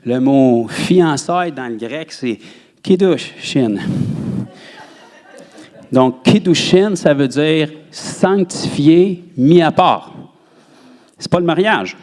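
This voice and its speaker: A man with a Québécois French accent, preaching a sermon in a church and jumping up in pitch on words he stresses. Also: takes it slowly, long pauses. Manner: animated preaching, rises sharply on emphasized words. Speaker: pastor.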